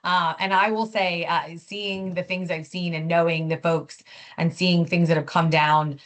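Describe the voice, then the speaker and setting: Low-voiced woman giving a policy update. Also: fairly even intonation, a little slow. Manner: conversational, many fillers and restarts. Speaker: policy speaker. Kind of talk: webinar update.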